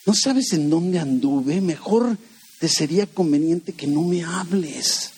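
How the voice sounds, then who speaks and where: A man voicing a wary, defensive outcast woman in a sermon, in a husky, unhurried voice. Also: on the high side, darkish tone. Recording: long hall reverb.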